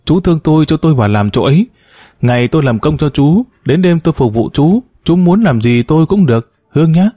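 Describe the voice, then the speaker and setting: A man's voice: medium pitch, big pitch swings, fairly quick, dark tone, no echo, studio quality. A man voicing a desperate middle-aged woman who pleads tearfully in a spoken story. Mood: pleading.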